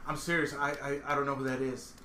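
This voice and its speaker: A man imitating a quiet, smooth, unflappable young man in a low, calm, apologetic murmur. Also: quick pace, echoey room, slight background noise, close to an everyday voice.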